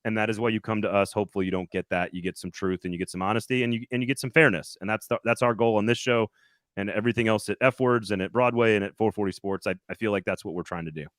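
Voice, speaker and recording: A man's voice: lowish voice, fairly even intonation, fast, a bit bright, no echo, studio quality. A man hosting a casual sports talk show, rambling and restarting his sentences often. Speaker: sports podcast host reporting on location.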